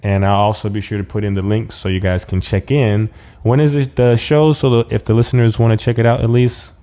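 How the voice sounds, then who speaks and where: Upbeat low-voiced male podcast host. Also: fairly even intonation, brisk, dark tone. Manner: upbeat, playful, repeats words for emphasis. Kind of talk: casual podcast interview.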